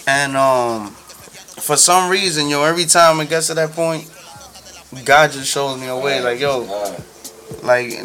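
A man's voice: on the high side, measured pace, long pauses, pushed and bright. A man with a Dominican accent in a casual podcast chat, using street slang and switching between English and Spanish. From Dominican Republic. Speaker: guest DJ. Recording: music behind the voice.

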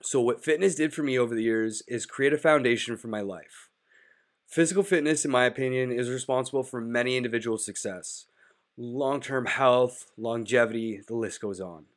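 A man's voice: mid-range voice, normal speed. A man in his thirties hosting his own podcast, talking casually and reflectively with a nasal, stuffy voice from a lingering cold and frequent fillers. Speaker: podcast host. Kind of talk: solo podcast monologue with sponsor reads.

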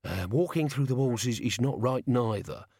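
A man's voice: mid-range voice, lively intonation, normal speed, darkish tone, no room sound, studio quality. A man voicing a crabby, coarse old male servant with blunt, slangy talk. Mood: grumbling.

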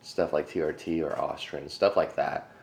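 A man's voice: extremely low pitch, fairly even intonation, normal speed, gravelly, darkish tone. A man co-hosting a casual fitness podcast, rambling with fillers, laughing and eating between thoughts. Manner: rambling, many fillers and restarts; talks while eating, laughs often. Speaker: podcast co-host.

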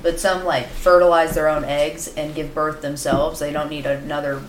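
A woman's voice: sits low, level tone, moderate pace, noisy background. A woman co-hosting a podcast in casual chat, explaining things earnestly. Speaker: podcast co-host. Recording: echoey room.

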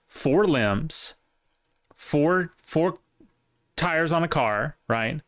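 A man hosts a loose comedy podcast, swinging his pitch up and down as he jokes. His voice comes through smooth and resonant. The recording is close and dry. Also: drawn-out words, no room sound. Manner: joking, animated banter. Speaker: podcast co-host. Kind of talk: casual chat.

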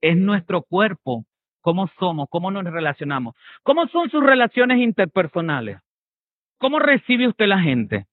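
A man's voice: sits high, very animated, moderate pace, no room sound. Male pastor, raised voice, preaching a sermon full of rhetorical questions; dry, tinny, phone-like recording. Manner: peppers talk with rhetorical questions and tag checks.

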